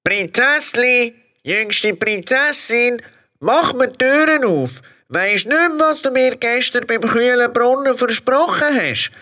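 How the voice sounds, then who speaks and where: Somebody playing a whiny little swiss german frog, bright sharp voice, slow and singsongy. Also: high voice, full character voice. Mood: pleading. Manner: wheedling, sing-song calls. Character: small pleading male frog.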